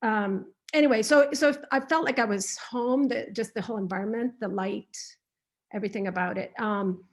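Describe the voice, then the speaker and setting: A woman's voice: mid-range voice, normal speed. Woman artist from Patagonia on a video call. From Patagonia, Argentina. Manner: thoughtful, with frequent restarts and fillers. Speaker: visiting artist speaker. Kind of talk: online artist talk and Q&A.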